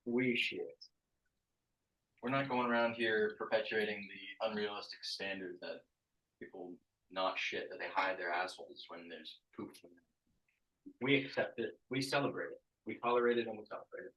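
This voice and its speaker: A young man chatting on a casual podcast in a fairly low voice. He rambles and swears, and he often drops a thought halfway and restarts it. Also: normal speed, bright, forceful tone, highs cut off. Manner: rambling, crude, trails off and restarts. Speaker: podcast co-host.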